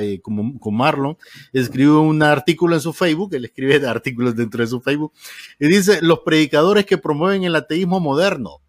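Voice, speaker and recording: A man's voice: a little high, dry recording. Rambling Honduran man, dry studio sound. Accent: Honduran Spanish. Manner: rambling, halting, with frequent "eh" and restarts. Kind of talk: casual panel discussion.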